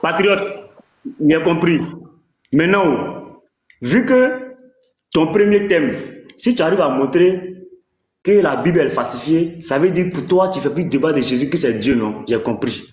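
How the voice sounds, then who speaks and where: A man hosts a heated live debate with a fairly high voice that swings widely in pitch. He talks emphatically and laughs as he presses his points. The sound is roomy and echoey. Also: lively intonation, measured pace, darkish tone. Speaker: live-stream debate host. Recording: roomy echo.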